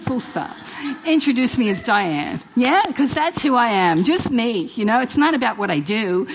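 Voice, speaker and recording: Speaking to a live audience at a church women's event, this middle-aged New Yorker has an accent touched by Italian and Australian. Her voice is a little high with big pitch swings and vocal fry at a moderate pace, delivering a chatty, exhortative sermon with repeated phrases and rhetorical questions. The audio is poor, with a little hiss or hum.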